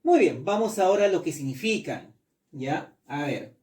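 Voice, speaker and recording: A man with a high, mellow voice teaches a lesson at a slow, patient pace. He repeats each word and keeps checking that his listeners follow. He sounds set back from the mic in an echoey room. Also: expressive, distant mic. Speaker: English teacher. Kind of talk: classroom lesson.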